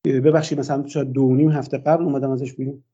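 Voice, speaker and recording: An older man, a guest in a radio interview, gives a long, hesitant personal account, often pausing on "uh" fillers. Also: mid-range voice, little pitch movement, warm tone, husky, muffled recording.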